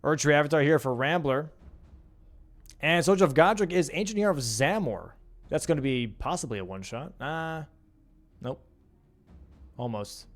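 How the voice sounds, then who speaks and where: A young man casting a live video game match, calling the play casually and talking to his stream chat. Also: fairly high pitch. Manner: casual, slangy, chatting with stream chat between calls. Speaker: caster. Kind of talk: live esports play-by-play commentary.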